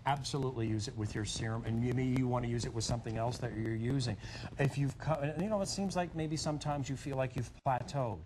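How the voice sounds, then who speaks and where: A man working as a home shopping host, giving a chatty, encouraging live sales pitch straight to the viewers. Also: fast, a little mellow, a little hiss or hum.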